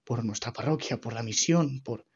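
A man giving an earnest, halting personal faith testimony about caring for his dying mother. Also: mid-range voice, a little mellow, breathy edge, highs cut off. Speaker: grieving son giving testimony.

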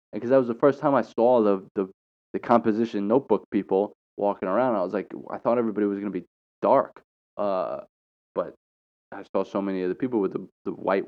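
A young man from America talks off the cuff in a loose vlog ramble, circling back and restarting his sentences as he thinks. His voice sits fairly low. The recording sounds a little dull and lo-fi. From United States. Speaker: traveler sharing opinions. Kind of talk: casual vlog monologue.

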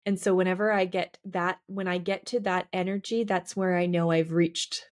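Woman coach, casual podcast chat, reflective, halting, lower voice. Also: level tone. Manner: reflective, halting, many fillers.

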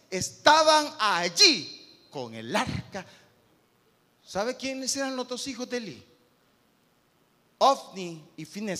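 A man preaching a sermon, switching from hushed asides to loud, rousing calls and acting out churchgoers. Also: sits high. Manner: animated preaching, swings from soft to loud, acts out churchgoers. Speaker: pastor. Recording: long hall reverb.

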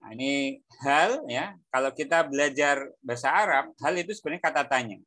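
A man's voice: mid-range voice, lively intonation, pushed and bright, dry recording. Man teaching a dry-sounding religious lecture. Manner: asks the audience questions and answers them himself; recites Arabic verses slowly. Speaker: Islamic teacher.

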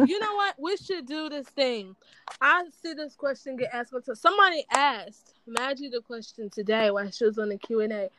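A young woman hosting a podcast, chatting casually in an animated, teasing way and laughing often. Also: fairly high pitch, rough recording. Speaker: podcast host. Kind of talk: casual chat.

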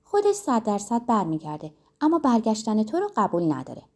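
A woman's voice: a little high, wildly swooping pitch, darkish tone. A woman voicing a carefree young immigrant woman who teases and argues in a breezy way in a story. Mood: teasing, breezy. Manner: teasing, breezy, argumentative.

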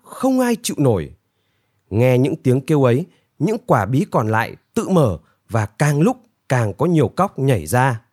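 A man narrating a folk tale in a scripted storybook way, his pitch rising and falling freely as he tells it. His voice sits at a middle pitch and sounds dry and close, with no echo. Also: warm tone.

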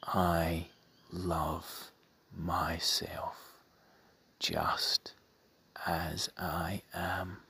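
A man softly leading a guided meditation in a breathy, soothing half-whisper, with measured phrases and long pauses. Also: sits low, level tone.

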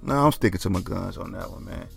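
A man's voice: low-pitched, expressive, fast talker, creaky, soft background music. A young man, talking casually as a podcast host, laid-back and joking, often dropping "man". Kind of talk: casual solo podcast talk.

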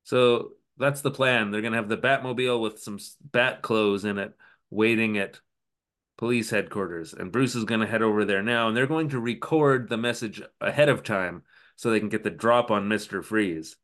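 A man with a slightly low, somewhat bright voice recaps a show with dry sarcasm, as if chatting with a friend on a podcast he co-hosts. His pace is moderate, loose and conversational, and he tosses in mocking quotes of the characters.

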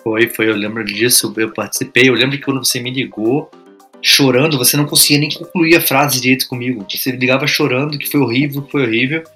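A man's voice: medium pitch, steady tone, fast, sharp tone, faint music behind. A man, co-hosting a podcast, supportive and explaining things with everyday comparisons. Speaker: podcast co-host. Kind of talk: casual podcast chat.

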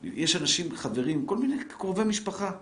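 A middle-aged man, a rabbi, giving a live Torah lesson to a seated audience, talking straight to them with lively rhetorical questions. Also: high voice. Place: lecture room with a seated audience. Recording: roomy echoing room.

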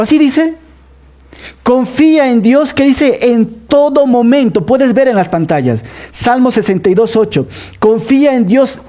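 A middle-aged man with a Peruvian Spanish accent, preaching a sermon to his congregation, asking them questions and repeating key phrases slowly for emphasis. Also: high voice, mellow. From Peru. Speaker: pastor. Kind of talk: sermon, Bible study.

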